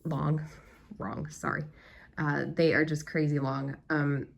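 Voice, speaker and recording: Croaky with a cold, a woman chats to her sewing vlog audience as she works, addressing them as "my darlings" and describing how the project is going. She speaks slowly in a deep voice with vocal fry.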